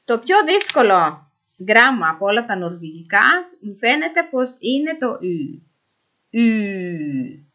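A woman giving an informal pronunciation lesson who sounds out vowels slowly and repeats them. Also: fairly high pitch, sing-song, pushed and bright. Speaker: language teacher. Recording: dull lo-fi recording.

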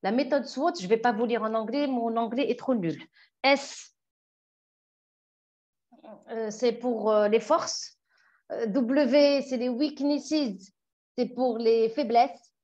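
A woman coach leading an online self-knowledge workshop, lively and asking many questions. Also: on the high side, slow pace, pauses often. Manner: warm, lively, asks the audience many questions. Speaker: personal development coach. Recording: dull lo-fi audio.

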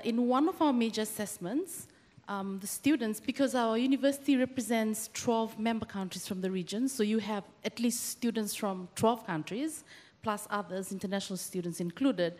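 A woman's voice: medium pitch, darkish tone. A woman from Fiji, a university lecturer, speaking earnestly into a handheld mic from the audience, with many restarts. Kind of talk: speaking from the floor at a workshop. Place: large semi-open hall with audience. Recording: long hall reverb.

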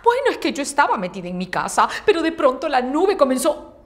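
A woman voicing a small female termite in a children's story, explaining herself very fast. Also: high-pitched, huge pitch swings, pitched above the performer's own voice. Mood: defensive. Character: defensive little female termite, fast talker.

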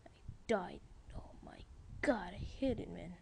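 A woman's voice: fairly low pitch, expressive, a little slow, creaky, mellow, slight background noise. A woman giving casual let's-play commentary, chatting to viewers as she plays. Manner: chatty, talks to viewers while playing. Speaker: gameplay commentator.

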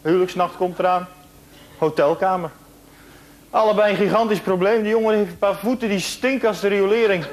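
A man with a high voice telling jokes on a TV stage with dry humor. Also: a little fast, a little hiss or hum. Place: television studio with an audience.

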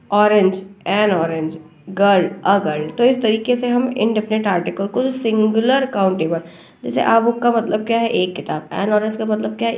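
A woman teacher giving an online grammar lesson, speaking slowly and deliberately because a dry cough leaves her short of breath. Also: medium pitch, gravelly, a little mellow.

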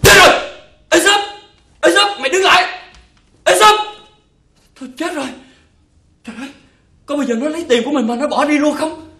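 A man's voice: extremely high pitch, fast, long pauses. An actor playing a vain, stingy male philosopher master in a comic stage play, blustering and stammering when flustered. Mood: panicked. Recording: echoey stage recorded from far off.

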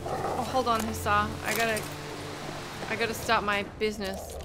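A woman streamer chats casually as she plays, reacting aloud. Her voice is mid-pitched and competes with loud game music. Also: level tone, normal speed. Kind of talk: casual live gameplay commentary.

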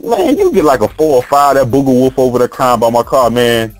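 Lively, rambling man hosting a chat. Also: medium pitch, fairly quick, faint music behind. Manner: rambling, emphatic, profane, laughs often. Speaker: podcast host. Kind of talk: casual podcast chat.

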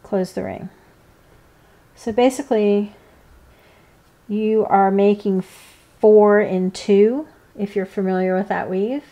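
A woman giving informal, hands-on step-by-step craft instruction, pausing between steps. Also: mid-range voice, steady tone, dull audio. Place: indoors, seated at a work table.

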